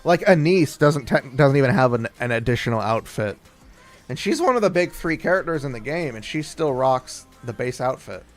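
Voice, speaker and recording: A man's voice: mid-range voice, expressive, normal speed, soft background music. A man casually chatting on a gaming stream, rambling and trailing off, sleepy and yawning. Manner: rambling, laid-back, trailing off.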